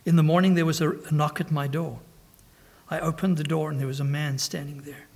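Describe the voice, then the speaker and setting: A middle-aged man preaching a sermon, telling a story dramatically and swinging from urgent declarations to hushed, quiet lines. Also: fairly high pitch, fairly even intonation, a little fast.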